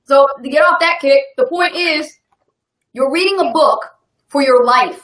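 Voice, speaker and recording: A woman's voice: high voice, measured pace, a bit bright, echoey room. A woman co-hosting a live online business webinar, talking in an upbeat, emphatic motivational way and laughing often. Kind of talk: casual motivational talk.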